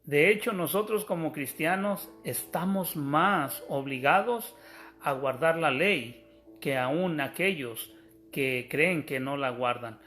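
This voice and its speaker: A man's voice: fairly high pitch, slow, a bit bright, faint music behind. A man preaching a sermon, explaining scripture step by step, calling his listeners brothers and often restarting his sentences.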